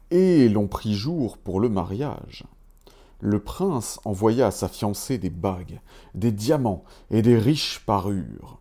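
A man reading a fairy tale aloud in a measured, even storytelling manner. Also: lowish voice.

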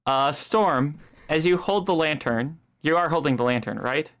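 Halting game master, medium-pitched voice. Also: a bit bright, clean tone. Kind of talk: improvised tabletop game narration.

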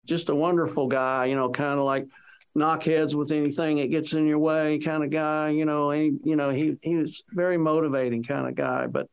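Gravelly man telling a personal story. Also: fairly high pitch, level tone, normal speed, muffled recording. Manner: rambling, many "you know" fillers; acts out quoted speech of others. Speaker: interviewee.

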